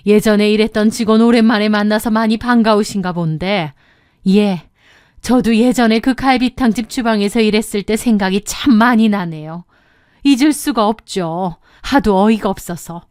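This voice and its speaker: A woman voicing a composed middle-aged mother who speaks in a cold, firm, measured way. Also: fairly high pitch, no room sound, studio quality, close to an everyday voice. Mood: cold, threatening.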